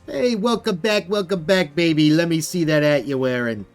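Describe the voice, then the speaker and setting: A man voicing a brash, fast-talking male hat photographer who flatters everyone and calls them baby, in a video game. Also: on the high side, soft background music, voice pushed up, natural voice. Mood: pushy flattering.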